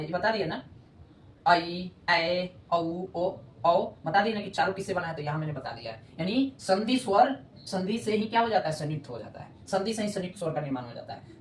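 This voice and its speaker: Echoey grammar teacher, woman. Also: lowish voice. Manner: repetitive, checks understanding often. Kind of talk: explanatory classroom lesson. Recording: echoey room with faint noise.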